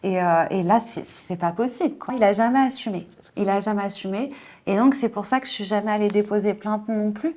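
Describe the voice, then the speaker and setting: A woman in her forties giving a personal testimony in an interview, halting and emotional, often repeating words and filling pauses. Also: mid-range voice, a little mellow. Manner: emotional, earnest.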